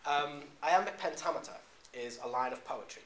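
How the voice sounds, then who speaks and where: A man giving a classroom lecture, talking in a halting way with frequent "um"s and restarts. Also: a little high, a bit bright, a little hiss or hum. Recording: echoey room recording.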